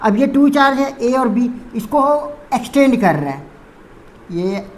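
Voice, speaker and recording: Woman, physics lesson, slow delivery, higher pitch, repeats terms, self-correcting. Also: very animated. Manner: explains step by step, repeats terms, corrects her own slips. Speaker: physics teacher. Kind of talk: blackboard lesson explanation.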